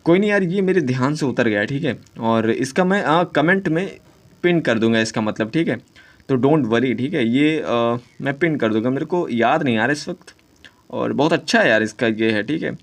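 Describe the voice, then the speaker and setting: A man's voice: mid-range voice, expressive. Chatty Hindi-English exam teacher, man. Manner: conversational, repeats "ठीक है" often, reads English slowly; self-correcting, jokes with students. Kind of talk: casual Hindi-English lesson.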